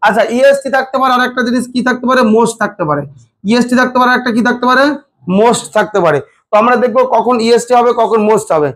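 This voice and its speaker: A male teacher giving a grammar lesson. He asks the class questions, answers them himself, calls his students "babu" affectionately, and draws words out slowly to spell them or count syllables. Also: very high voice, fairly bright tone. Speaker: English teacher.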